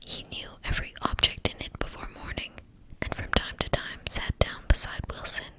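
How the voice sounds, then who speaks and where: A woman reading a novel aloud as ASMR in a hushed, breathy whisper. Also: moderate pace, low-quality recording. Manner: hushed, fully whispered narration.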